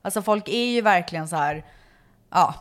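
Thirties woman chatting on a podcast, tells stories with lots of voices, casual and lively. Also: fairly low pitch. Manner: animated storyteller, acts out her son's lines. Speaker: podcast co-host. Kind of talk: casual chat.

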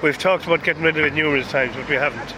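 Older irish fella answering plainly on a busy street, cars passing. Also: male voice, fairly high pitch, racing. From Ireland. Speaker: interviewee. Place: outdoors on a street. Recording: street noise and traffic.

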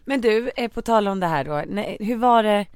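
A woman's voice: medium pitch, animated, darkish tone, smooth, no echo. A woman hosts a casual interview in a mid-range voice, asking curious follow-up questions. Her voice sounds dry and close to the mic. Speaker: podcast host.

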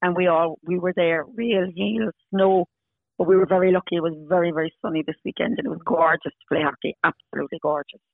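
Creaky Munster Irishwoman on a tinny line. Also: on the low side, fairly even intonation, fast talker, no echo. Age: 50s. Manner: chatty, emphatic repetition. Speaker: podcast guest, Masters hockey player. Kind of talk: casual interview.

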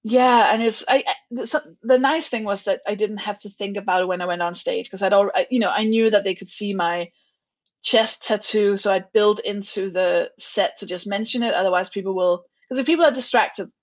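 A woman's voice: medium pitch, brisk, poor audio. A woman from Denmark with a Danish accent, a comedian talking candidly in an interview, laughing often and restarting her sentences. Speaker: comedian guest. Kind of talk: conversational interview.

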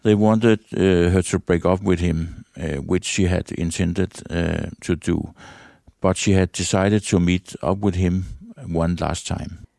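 An older man, a former detective, recounting a police case haltingly with frequent hesitations. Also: sits low, fairly even intonation, creaky, darkish tone, no room sound, studio quality. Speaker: former detective superintendent, interviewee.

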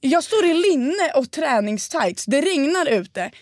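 A young woman co-hosting a casual podcast chat, telling stories in an animated way and acting out quotes. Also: sits high, no echo, studio quality. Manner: animated storyteller, acts out quotes. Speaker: podcast co-host.

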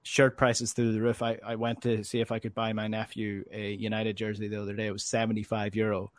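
A man's voice: fairly low pitch, completely flat delivery, fairly quick, no room sound. A man with an Irish accent hosting a casual sports discussion, earnest and emphatic, often rephrasing himself. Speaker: football podcast host.

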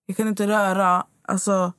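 Young woman guest, middle pitch, dry close sound, halting and searching for words. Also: level tone, fairly bright tone, clear, resonant tone, dry recording. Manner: halting, many fillers and restarts. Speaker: podcast guest. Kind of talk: casual podcast chat.

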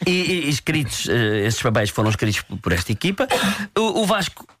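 A man's voice: medium pitch, very animated, brisk, fairly bright tone. A man with a European Portuguese accent, a comedian explaining the rules of an improv game with some hesitation.

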